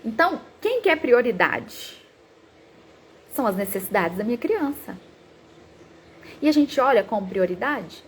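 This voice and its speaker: With a fairly high pitch, this woman in her thirties, a psychologist, animatedly acts out quoted parents and kids during a parenting talk. There's slight background noise.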